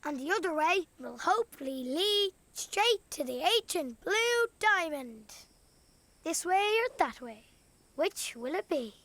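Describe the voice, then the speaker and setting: A woman's voice: extremely high pitch, very animated, measured pace, a bit bright, heavily acted. A woman voicing Henry, a cheerful, curious little boy in a cartoon, talking eagerly. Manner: eager, bubbly, exclaims often. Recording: music playing behind.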